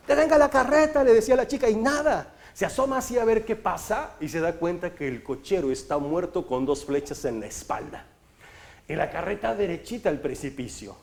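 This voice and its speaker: A man delivers a motivational talk as a life coach, weaving in vivid anecdotes and throwing rhetorical questions at the audience. His voice sits somewhat high for a man and he acts out moments with little sound effects. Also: darkish tone.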